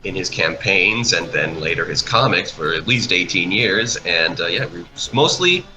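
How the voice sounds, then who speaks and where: This low-pitched man speaks at normal speed with lively intonation and a sharp tone, captured in a low-quality recording over background music. As an animation project creator co-hosting a speedpaint commentary, he rambles casually, often trailing off and rephrasing mid-thought.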